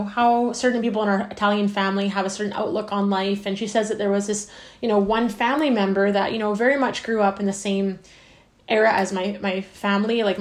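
A woman hosting a podcast interview, chatty and effusive with a lot of fillers. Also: mid-range voice. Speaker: podcast host. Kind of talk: casual interview chat. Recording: roomy echo.

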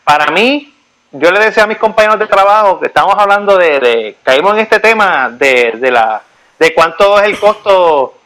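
Man, high voice, animated casual storyteller who repeats himself. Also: moderate pace, poor audio. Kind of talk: casual chat. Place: United States.

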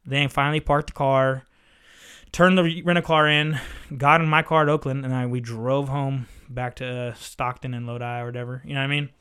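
Fast-talking young man telling a story. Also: medium pitch, clean tone. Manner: animated, profane, acts out both sides of the exchanges. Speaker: podcast host. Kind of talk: casual storytelling chat.

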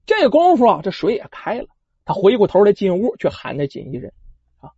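A storyteller telling a folk tale in a traditional oral style, speaking directly to listeners with drawn-out particles, on a dull lo-fi recording. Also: mid-range voice, wildly swooping pitch, mellow, slightly rough, no echo.

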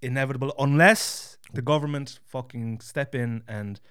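A man's voice: medium pitch, normal speed, a bit bright, clean tone. A man from County Kerry with a west of Ireland accent, chatting casually and bluntly with plenty of swearing. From County Kerry, southwest Ireland. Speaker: guest. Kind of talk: casual conversation.

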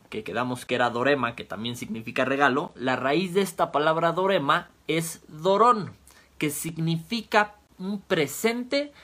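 A man's voice: fairly high pitch, pushed and bright. A man giving a sermon, explaining Bible word roots step by step and repeating key phrases. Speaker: preacher. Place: home, via online stream.

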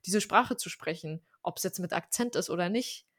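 A chatty young woman talks through her own stories in a relaxed conversation, her voice close and dry. She grew up speaking Armenian at home, and her tone lifts and falls as she tells each story. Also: on the low side, moderate pace, husky, no room sound. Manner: chatty, animated storytelling with fillers. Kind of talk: casual conversation.

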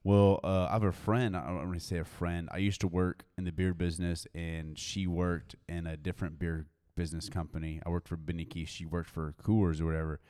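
A man's voice: low-pitched, level tone, fairly quick, hardly any pauses, darkish tone, clear, resonant tone. A man co-hosting a podcast, joking crudely in casual chat and restarting his sentences. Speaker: podcast co-host.

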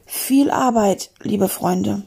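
A woman's voice: medium pitch, very slow, gravelly, warm tone, slightly rough, heavily acted. A woman doing a jolly, mischievous Christmas creature. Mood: good-natured.

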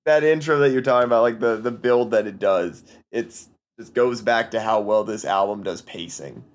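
A laid-back man with a lowish voice joining a casual music chat. He speaks easily and unhurried, letting his points trail off now and then.

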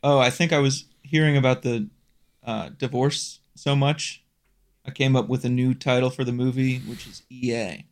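An easygoing man in a mid-range voice, trading stories in a casual podcast chat. He laughs often and keeps a relaxed, chatty manner. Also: medium pitch, normal speed. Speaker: podcast co-host.

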